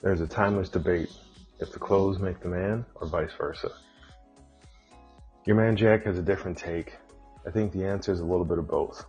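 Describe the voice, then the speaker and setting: A man's voice: sits low, moderate pace, long pauses, a little mellow, breathy edge, soft background music. A man hosting a podcast, reading a scripted intro and then chatting with an upbeat, hyped-up delivery. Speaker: podcast host.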